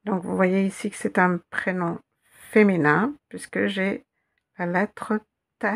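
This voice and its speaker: A woman guides learners through a reading lesson in an unhurried, measured way. She spells out each letter and repeats words patiently. Her voice carries a gravelly, creaky texture at a middling pitch. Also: fairly even intonation. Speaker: Arabic teacher.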